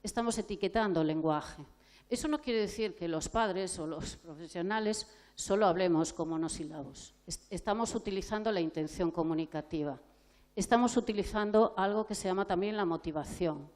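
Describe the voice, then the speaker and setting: Psychologist lady from giving a talk, kinda low voice, keeps asking the room questions. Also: normal speed, darkish tone. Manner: explanatory, asks rhetorical questions and addresses the audience directly. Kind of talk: conference lecture.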